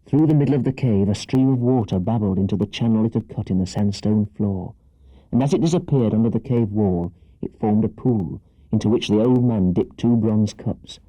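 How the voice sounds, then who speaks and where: A male audiobook narrator reads a children's adventure with dramatic care, in a lowish, very dark, husky voice at a moderate pace. The low-quality recording is dry, with no room sound around the words.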